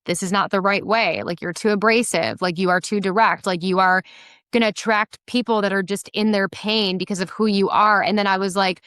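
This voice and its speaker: A woman hosting a podcast who asks eager questions and shares her own story in a quick, chatty way. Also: mid-range voice, steady tone, a bit bright, clean tone, no room sound, studio quality. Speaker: podcast host. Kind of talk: interview questions and chat.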